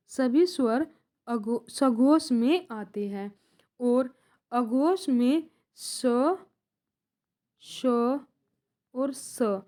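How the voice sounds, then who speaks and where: In a high-pitched, slightly mellow voice, a young woman works through exam-prep grammar at a slow pace. She restates each point by asking a question and supplying the answer herself.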